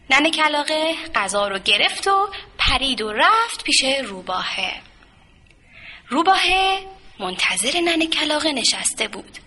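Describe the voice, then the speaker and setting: A woman narrating a children's folk tale in a gentle, expressive, sing-song way. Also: sits high, a little hiss or hum. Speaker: storyteller.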